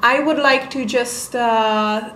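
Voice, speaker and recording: Speaking slowly with fairly even intonation, the young Czech woman gives a casual book review with many filler sounds in her native-accented English. Her fairly high voice is a bit bright, echoing in a small indoor room with a window.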